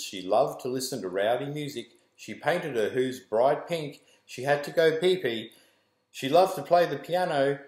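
In a bare-walled little room with noticeable echo, a man in his forties who works at a school reads a rhyming picture book to kids in a rhythmic, sing-song way. His voice is mid-range and a little mellow.

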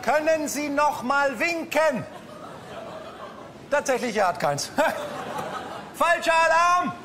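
A man playing an excitable, clueless cruise passenger in a stage sketch, eager and exclamatory. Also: very high-pitched, slow pace, background noise, full character voice. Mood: excited.

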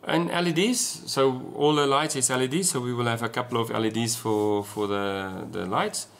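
Talking to camera indoors in a small home room, a man in his forties from South Africa explains things casually in an Afrikaans accent for his sailing vlog. He has a medium-pitched, slightly bright voice at a normal pace.

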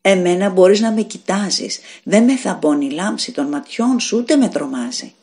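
A woman's voice: medium pitch, expressive, mellow, natural voice. A woman reading a fairy tale aloud, voicing an innocent, curious little village girl who asks eager, wondering questions.

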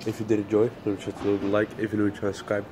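A man's voice: lowish voice, completely flat delivery, rapid-fire, background noise. A man vlogging casually from inside a store, rambling and stumbling over restarts, recording on a handheld phone. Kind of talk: casual vlog chat. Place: indoors in a store.

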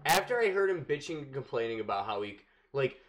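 Animated, profane young male streamer. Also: mid-range voice, fast, a crowd in the background. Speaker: stream co-host. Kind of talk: casual chat.

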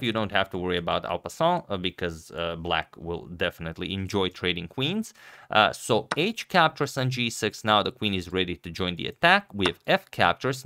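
A man's voice: sits low, pushed and bright, smooth, dry recording, studio quality. A middle-aged man giving chess commentary, explaining moves informally and speaking directly to his viewers. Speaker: chess commentator, video host. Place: home room, indoors. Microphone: desk microphone close to the speaker.

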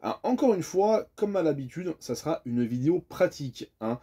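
Man from france, casual how-to talk, husky mellow voice, lots of ums. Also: a little high, sing-song, normal speed. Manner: friendly, chatty, hesitant with many fillers. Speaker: bus driver explaining a tachograph.

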